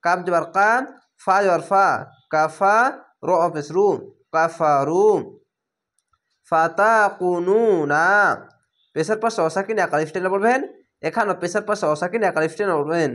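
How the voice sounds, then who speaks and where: Bengali-accented male Quran teacher, patient drawn-out syllable-by-syllable delivery. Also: high voice, fairly bright tone. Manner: slow, syllable by syllable, drawn-out vowels. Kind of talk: slow spelled-out recitation lesson.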